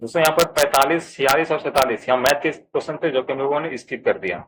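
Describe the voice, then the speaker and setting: A man with a Bihari Hindi accent and medium pitch talks fast on a low-quality recording, going over an exam answer key. He calls his viewers friends and explains every option in turn at a steady pace.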